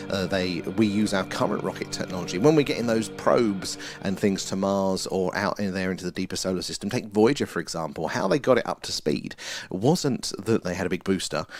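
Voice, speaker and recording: A man with an Essex accent hosting a livestream, chatting casually and answering viewers in a rambling, conversational way. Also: low voice. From Essex, England. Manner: rambling, conversational, often ends phrases with "there". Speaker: livestream host. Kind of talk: casual live commentary, answering chat.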